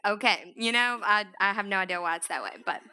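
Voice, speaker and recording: A woman's voice: medium pitch, brisk, clean tone. Chatty young woman telling her story. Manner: chatty, animated storytelling with fillers. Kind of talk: conference talk. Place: large room with an audience.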